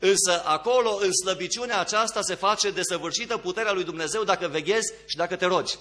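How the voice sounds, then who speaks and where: A man preaching a sermon, dropping to quiet low passages and rising into emphatic, louder ones.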